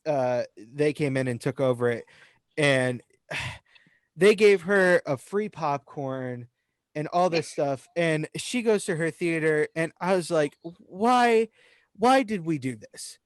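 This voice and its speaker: A young man, telling an animated story about a rude customer in a casual podcast chat. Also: a little high, slow pace, smooth, dry recording, studio quality. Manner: animated storytelling, voice rising when venting. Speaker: podcast co-host.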